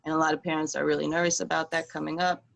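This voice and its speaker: A woman's voice: low voice, little pitch movement, rapid-fire, gravelly, slight background noise. A woman in her thirties chatting casually on a video call, rambling with many fillers. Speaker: meeting participant.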